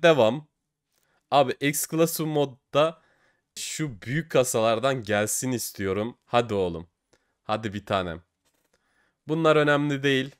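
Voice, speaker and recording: A young man giving excitable gaming commentary as he opens online cases, swinging between cheering and despair. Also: medium pitch, clear, resonant tone. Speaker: case-opening streamer.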